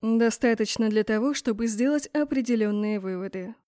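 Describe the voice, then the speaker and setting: A woman voicing a cold, appraising middle-aged emperor who speaks slowly and flatly. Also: a little high, dry recording, studio quality, natural voice.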